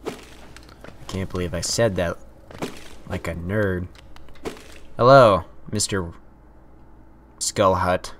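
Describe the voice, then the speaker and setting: A young man giving casual commentary while playing a video game, playful and prone to theatrical shouted taunts. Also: low voice, slow, pauses often, a little hiss or hum. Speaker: let's play host.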